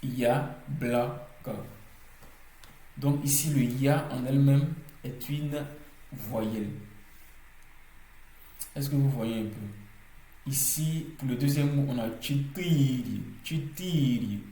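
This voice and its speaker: Slow, hesitant male French teacher. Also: mid-range voice, dark tone, echoey room, poor audio. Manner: slow and deliberate, many hesitations, repeats words to drill them. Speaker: language teacher. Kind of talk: explaining pronunciation rules.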